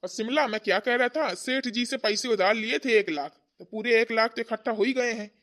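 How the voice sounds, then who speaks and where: A man's voice: very high voice, brisk, fairly bright tone. A man voicing an anxious, debt-burdened father-in-law in a cartoon story. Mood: worried. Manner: anxious, sighing. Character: worried indebted father-in-law, husband. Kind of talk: cartoon voice acting.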